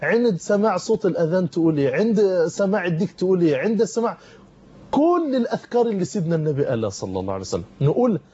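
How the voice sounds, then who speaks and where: A man's voice: high voice, big pitch swings, rapid-fire, dark tone, husky, muffled recording. A man preaching a televised sermon in an Egyptian accent, delivering fervent, urgent warnings to his listeners in a studio. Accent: Egyptian Arabic.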